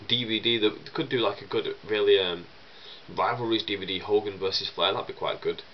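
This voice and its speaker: Lo-fi audio with slight background noise captures a young man's fairly low, brisk voice. Nursing a chesty cold, he coughs and sniffles while casually answering vlog viewers' questions, rambling with lots of fillers and false starts.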